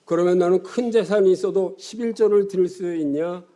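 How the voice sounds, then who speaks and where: A man's voice: sits high, brisk, mellow, close to an everyday voice. A man in his seventies acting out a friend who teases with pointed questions, in a sermon story. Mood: probing. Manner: teasing, questioning.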